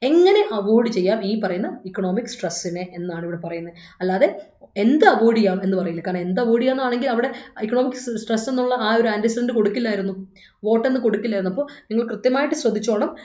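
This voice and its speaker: A woman's voice: fairly high pitch, animated, very fast, mellow. A woman with a Malayali accent teaching an English exam class live online, chatty and coaxing her students. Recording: echoey room, dull lo-fi sound.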